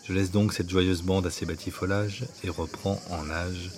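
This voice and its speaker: A man reading his own autobiographical story as scripted narration, in an intimate, hushed way that at times drops to a whisper. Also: sits low, fairly even intonation, moderate pace. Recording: narration over clear background music.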